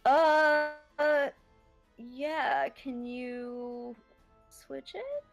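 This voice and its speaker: A woman's voice: high voice, fairly even intonation, soft background music, poor audio. A woman narrating a tabletop game as game master, describing scenes with frequent fillers. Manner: unhurried, descriptive, many fillers.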